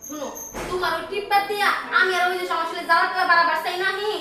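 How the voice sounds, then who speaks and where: A young woman playing a bold, sharp-tongued wife of a man working abroad in a comic skit, recorded from far off in an echoey room. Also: very high voice, fairly even intonation, racing. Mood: teasing, mocking. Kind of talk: comic village skit acting.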